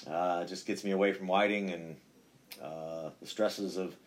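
A man with a low voice speaks as a pastor in an informal podcast talk. He is conversational and halting, circling back to repeat phrases as he shares his faith. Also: steady tone. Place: indoors, inside a metal church building.

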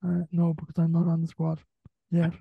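A man's voice: a little high, completely flat delivery, moderate pace, gravelly, breathy edge, dry recording. A man in his late teens with a west of Ireland accent, hosting a casual sports interview. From Galway, Ireland. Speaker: podcast host. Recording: dull, muffled lo-fi audio.

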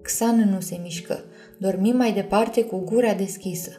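A woman narrating a children's storybook chapter in a calm, measured way. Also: mid-range voice. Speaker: audiobook narrator. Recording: soft music underneath.

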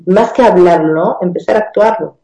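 A Mexican woman talks through a topic in a relaxed, explanatory way. Her voice is mellow and dark, and the room adds a noticeable echo. She restarts phrases often and checks in with little tag questions. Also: lowish voice, moderate pace. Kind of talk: casual conversational explanation.

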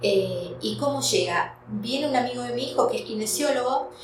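An Argentine woman guest on a podcast, telling her business stories in a lively, chatty way with frequent laughter. She speaks at an ordinary pitch. The room is echoey, with faint ambience behind her. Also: moderate pace, recorded from a distance, a little hiss or hum. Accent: Rioplatense Argentine Spanish. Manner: animated storyteller, laughs often. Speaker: guest, food business owner. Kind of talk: casual podcast interview.

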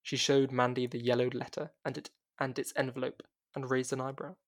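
A man reading a story aloud as narrator, in a steady pace with the odd restart. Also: medium pitch, brisk.

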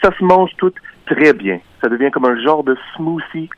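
A man playing a pompous, self-styled male culinary expert who phones in to a morning radio show with mock-serious, deadpan reviews. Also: fairly high pitch, normal speed, no echo, phone-quality sound, natural voice. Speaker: caller.

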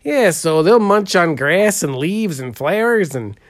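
A man's voice: high-pitched, animated, measured pace. A man playing a goofy, heavyset portrait painter in an improvised comedy interview, drawling and rambling with lots of "uh" and "there".

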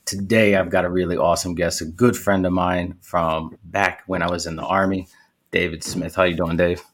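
A man's voice: deep voice, flat delivery, moderate pace, a little hiss or hum. An American man hosting a podcast, chatting in an informal, buddy-like way. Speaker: podcast host. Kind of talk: casual chat.

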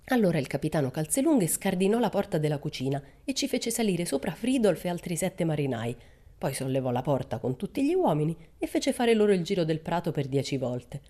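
A woman narrating a children's audiobook in a calm, expressive storytelling manner. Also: lowish voice, brisk.

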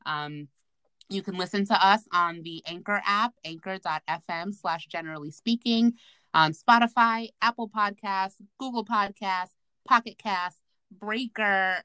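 A woman hosting a casual podcast, talking in an animated, slangy, profane way, recorded remotely from a bathroom. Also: mid-range voice, measured pace, clear, resonant tone, no room sound. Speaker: podcast host. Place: bathroom, at home.

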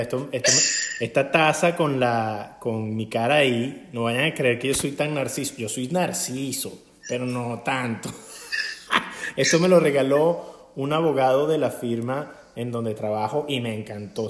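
A man's voice: mid-range voice, moderate pace, reverberant. Jovial Venezuelan-born man hosting a podcast. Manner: jovial, playful and self-mocking. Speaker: podcast host. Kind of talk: casual podcast chat.

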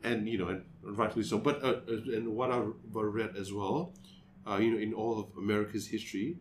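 A young man in casual chat, talking haltingly and leaning on filler phrases. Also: lowish voice, steady tone, a little hiss or hum. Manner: halting, repeats fillers a lot.

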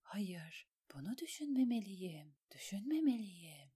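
A woman's voice: medium pitch, big pitch swings, a little slow, mellow, slightly rough, exaggerated voice. A woman voicing an anxious, polite young noblewoman in an audiobook, whispering the girl's inner thoughts. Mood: whispered thoughts.

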